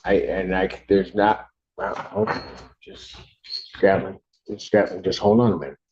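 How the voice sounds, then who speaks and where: Low-voiced male judge, courtroom recording. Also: big pitch swings, moderate pace, creaky, a little mellow. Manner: firm, interrupts with repeated "hold on". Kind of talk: presiding over court hearings. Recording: dull courtroom audio recording.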